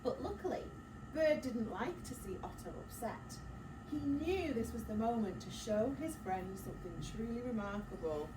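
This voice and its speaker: A woman teacher whose voice sits on the high side reads a picture book to children at normal speed. She's expressive, letting out dramatic gasps and breaking off for encouraging prompts, questions and asides. The recording is roomy with a far-off mic and clear background noise.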